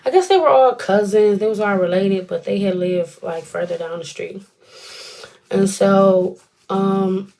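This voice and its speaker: A woman in her twenties with a mid-pitched voice tells a casual story from her own life. She talks colloquially, wandering into asides and checking in with the listener along the way. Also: a little mellow. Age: 20s. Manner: chatty and colloquial, rambling with asides.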